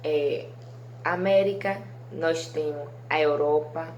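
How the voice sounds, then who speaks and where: A woman with a lowish voice gives a recorded video lesson, addressing her pupils fondly. She drags out key syllables for emphasis and keeps tagging her sentences with quick checks. A faint hiss sits under the recording. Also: fairly even intonation, a little mellow, highs cut off. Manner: affectionate, drawn-out emphasis on stressed syllables; frequent tag questions like "né?" and "certo?". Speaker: primary school teacher.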